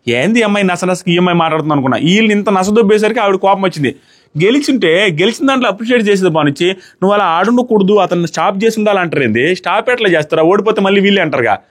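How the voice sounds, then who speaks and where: A man giving an animated, exasperated review of a reality show episode, often mimicking contestants. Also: high voice, rapid-fire.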